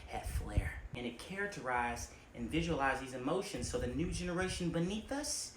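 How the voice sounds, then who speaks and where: Hyper, animated young man ranking movies. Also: brisk, echoey room, noisy background. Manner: animated, jumps into loud high shouted bits. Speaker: movie reviewer. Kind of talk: comedic movie ranking monologue.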